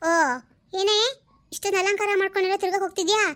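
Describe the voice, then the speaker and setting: A woman voicing a sharp-tongued, nagging mother who scolds her grown daughters in a cartoon family drama. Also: extremely high pitch, little pitch movement, fast, no echo. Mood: scolding.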